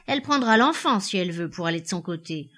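A woman reading aloud, voicing a brash, drunken young male hay-trusser in a loud, mocking, swaggering way. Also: fairly low pitch, expressive, fast talker.

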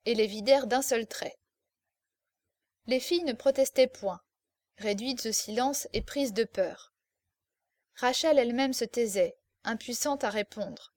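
A woman reads a classic story aloud in a measured, dramatic way. Her voice sits fairly high for a woman. The recording is dry, with no room sound. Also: a little mellow, dry recording. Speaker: narrator. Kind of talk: audiobook reading of classic fiction.

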